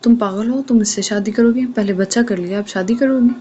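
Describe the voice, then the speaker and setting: A woman's voice: mid-range voice, warm tone, natural voice. A woman voicing an angry, jealous young man who speaks in a heated, accusing way, on a dull lo-fi recording with faint hiss.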